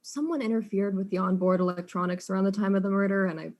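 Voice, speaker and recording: An actress playing a polite but persistent female detective in a student audio drama, asking calm, probing questions. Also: medium pitch, fast, natural voice.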